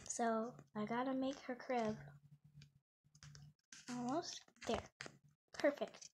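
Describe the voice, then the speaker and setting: A woman's voice: on the high side, steady tone, takes it slowly, a little mellow, a little hiss or hum. A young female gamer chatting casually while she plays a roleplay game, talking through each thing she does. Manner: chatty, narrates her own actions. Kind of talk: casual gameplay commentary.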